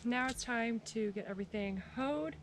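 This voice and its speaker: A woman's voice: on the high side, moderate pace. A woman talking casually as she hosts a gardening how-to, recorded outdoors. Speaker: host of a gardening tutorial. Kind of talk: casual how-to vlog talk. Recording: faint outdoor background noise.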